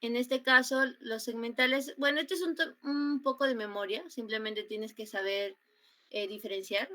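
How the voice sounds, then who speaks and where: Young woman, Peruvian accent, online tutor, clear bright tone, fairly high voice, lots of fillers. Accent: Peruvian Spanish. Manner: explains slowly with many fillers and repetitions. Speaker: student tutor teaching grammar. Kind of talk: online class lecture. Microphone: computer mic on a video call.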